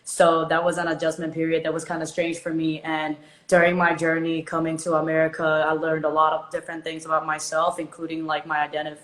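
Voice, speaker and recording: A woman's voice: low voice, completely flat delivery, brisk, few pauses, a bit bright. Earnest woman guest from south korea, reflective, echoey room on a video call. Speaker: guest coach. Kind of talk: casual interview chat. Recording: roomy echo.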